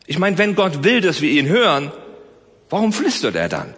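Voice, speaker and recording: Expressive male preacher in a reverberant hall. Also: fairly high pitch, moderate pace, breathy edge. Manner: expressive preaching, swinging from loud to soft. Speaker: pastor. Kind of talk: sermon.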